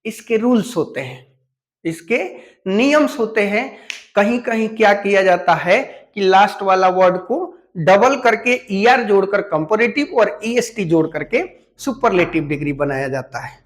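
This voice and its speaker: A man's voice: high-pitched, expressive, normal speed. A man teaching an English lesson, explaining patiently step by step, spelling words out letter by letter and addressing students familiarly. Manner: speaks to students familiarly and asks them questions. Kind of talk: classroom lesson.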